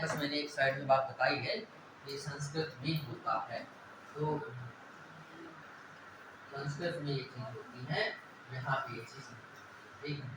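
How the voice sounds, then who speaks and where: The classroom lecture on Hindi vowels continues, with the man teaching step by step and repeatedly making sure his students understand. His voice is a little high, captured from a distance in an echoey space with a noisy background.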